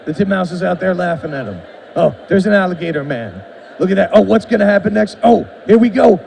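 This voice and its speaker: Playfully calling the action like a wrestling announcer, a game developer narrates a live demo of his game on a crowded expo floor. He sounds high, animated, creaky and slightly mellow, talking fast, picked up by a distant mic amid the noise.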